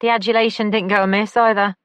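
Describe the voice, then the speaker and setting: A woman's voice: mid-range voice, flat delivery, fast talker, clear, resonant tone, dry recording, lo-fi sound, voice pushed up, lightly acted. A woman voicing a flamboyant, playful young male pastry chef in an audiobook. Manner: playful, camp, teasing.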